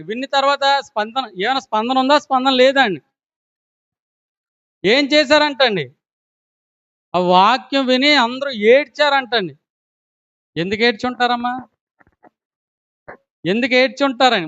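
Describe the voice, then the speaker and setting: Man, Telugu accent, preaching, very high voice, smooth, dry close mic, muffled sound. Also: sharp tone, no echo. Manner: asks the congregation questions, polite repeated "andi". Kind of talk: sermon.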